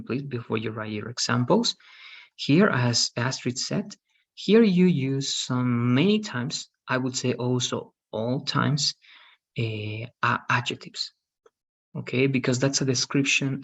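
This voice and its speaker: A man explains grammar slowly and patiently, checking in with "right?" again and again. His voice is gravelly and a bit husky. The sound comes through a dull, lo-fi video call mic. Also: mid-range voice. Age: 30s. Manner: slow, patient, tags sentences with "right?". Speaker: English teacher. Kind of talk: online class explanation. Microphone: video call webcam.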